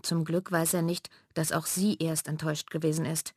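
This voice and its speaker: Low-voiced woman reading a children's story. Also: normal speed, no echo, clean studio sound. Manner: lively, expressive reading. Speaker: narrator.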